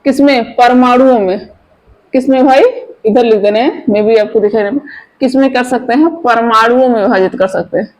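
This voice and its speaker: A woman teaching a chemistry lesson online, chatty and informal, often asking her viewers quick questions and coaxing them to answer. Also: fairly high pitch, darkish tone, low-quality recording.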